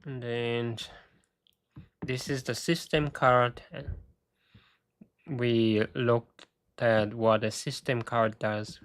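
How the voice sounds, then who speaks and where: A man hosting a casual screen-share walkthrough, thinking aloud with halting restarts, and he is losing his voice. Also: medium pitch, flat delivery, clean tone, dry recording. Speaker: tech video host.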